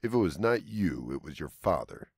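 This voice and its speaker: A greedy storybook wolf, gruff and bullying, as a man puts him on. The voice is extremely deep, with plenty of movement in its pitch. It is recorded close and dry. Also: sing-song, normal speed, no room sound, heavily acted. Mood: menacing.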